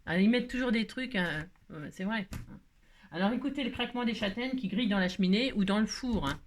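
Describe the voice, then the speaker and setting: A woman's voice: mid-range voice, lively intonation, brisk, slight background noise. A middle-aged woman chatting playfully while making crafts, rambling with jokes and little asides. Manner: playful rambling, jokes, laughs, hums snatches of song. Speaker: crafting vlogger. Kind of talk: chatty crafting tutorial talk.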